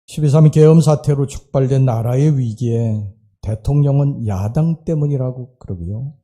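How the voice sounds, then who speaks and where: A male pastor preaching a sermon in a church, earnest and emphatic, lifting his voice for key points and dropping to quiet asides. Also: medium pitch, moderate pace. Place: church sanctuary.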